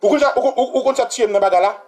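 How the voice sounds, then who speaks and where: Very high-voiced Haitian man ranting heatedly. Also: rapid-fire. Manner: heated, repetitive, bursts into shouting. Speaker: political commentator. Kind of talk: impassioned political commentary vlog.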